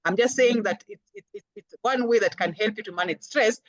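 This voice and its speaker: A woman with a Kenyan accent giving a lively counseling talk, acting out little voices when she quotes people. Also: a little high, brisk, no echo. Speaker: guest speaker, counselor. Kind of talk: lecture-style talk.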